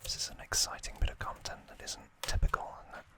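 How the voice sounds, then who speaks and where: In a soft, breathy whisper, a man hosts an ASMR unboxing video, musing along at an unhurried pace.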